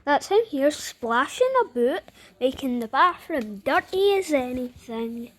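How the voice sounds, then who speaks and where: A woman's voice: high voice, big pitch swings, measured pace. A woman reading a picture book aloud, breaking off often for playful, chatty asides about the pictures. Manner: playful, chatty commentary between lines. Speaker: storybook reader.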